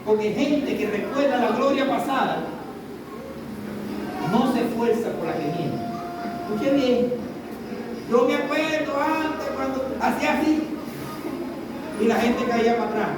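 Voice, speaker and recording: A man preaches with an emphatic pastor's delivery and keeps urging his listeners to pay attention. His voice sits high, and it rings through a very echoey church hall. He stands well away from the mic, with clear noise behind him. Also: expressive, a little slow, pauses often. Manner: emphatic, repeats "escuche bien" to the congregation. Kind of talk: sermon. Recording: echoey church room from far off, noisy.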